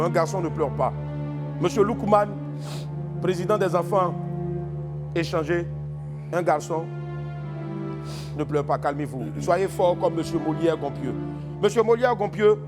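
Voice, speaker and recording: Showy comedy host, high voice. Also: male voice, normal speed, pauses often. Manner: showy, exclaiming, mock-solemn. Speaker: comedy talk show host. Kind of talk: comic studio hosting. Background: music.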